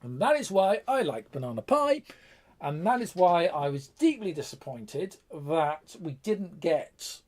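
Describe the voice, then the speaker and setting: A man's voice: fairly high pitch, a little mellow. A man with a British accent hosting a casual tech live stream, chatty and rambling, often breaking off with fillers and restarts.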